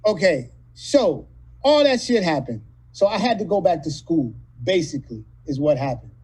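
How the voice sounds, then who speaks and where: A man in his late fifties from California, telling rough, profane stories as a guest in a casual interview. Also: fairly high pitch, sing-song, normal speed, a little mellow, low-quality recording. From California, USA. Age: 50s. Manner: profane, rambling, street-talking storyteller. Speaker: actor guest.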